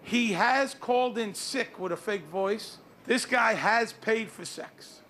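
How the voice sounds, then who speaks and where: A man doing a comedy bit, making cocky deadpan judgments about strangers and quizzing them on the street. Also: high-pitched, takes it slowly, slight background noise. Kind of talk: comic street interviews.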